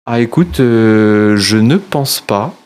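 A man's voice: fairly low pitch, lively intonation, slow, a little mellow. A man hosting a casual chat, with a jokey, mock-solemn manner. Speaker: host. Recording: clear background noise.

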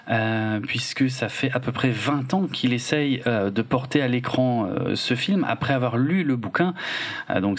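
A man with a creaky, medium-pitched voice co-hosts a podcast, loosely reviewing films alongside a partner. He rambles in a laid-back way, hedging often and pausing with plenty of filler.

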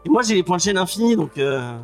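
A man's voice: high voice, big pitch swings, quick pace, faint music behind. A man hosting a live stream and running a chat poll in a playful, jokey way.

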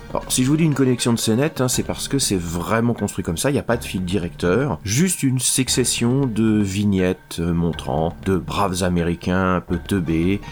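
Low-voiced sardonic man reviewing films. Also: normal speed, hardly any pauses, darkish tone, faint music behind. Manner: sardonic, exasperated. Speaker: film reviewer. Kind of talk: comic spoken film review.

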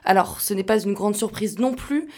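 A young woman reading a scripted culture and sport segment in a lively, conversational way. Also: mid-range voice, moderate pace. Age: young adult.

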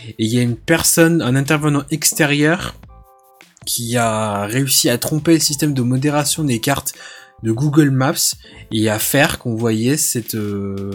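A man's voice: mid-range voice, unhurried, soft background music. A man on a casual podcast presenting a tech news item, explaining it with frequent halts and restarts. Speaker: podcast co-host.

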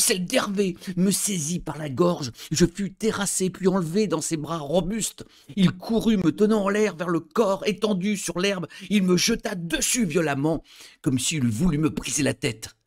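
A man reading a story aloud as narrator in an expressive, dramatic way. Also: fairly high pitch.

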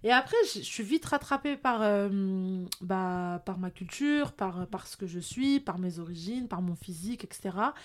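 A woman's voice: mid-range voice, lively intonation, moderate pace, few pauses. A French woman speaks candidly as an interview guest. Her talk is loose and conversational, full of small fillers and restarts. She sounds open and talkative. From France. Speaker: guest, entrepreneur and influencer. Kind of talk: casual interview chat.

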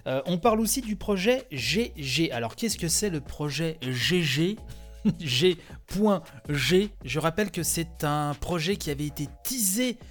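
A man's voice: fairly high pitch, expressive, normal speed, a bit bright, faint music behind. A man hosting a gaming news podcast, talking casually with many small fillers. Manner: chatty, many "hein" and "euh" fillers.

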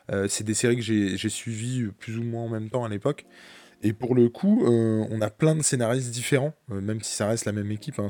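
A man hosts a relaxed podcast with playful, grandiose introductions. His voice sits at a middle pitch, and soft music plays underneath. He often restarts sentences mid-thought. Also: dry recording. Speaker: podcast host. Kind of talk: casual podcast chat.

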